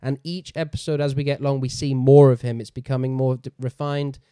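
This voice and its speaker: A man co-hosting a podcast in casual review chat, enthusiastic and excitable, with some swearing. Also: mid-range voice, brisk, smooth, no room sound, studio quality. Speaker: podcast co-host.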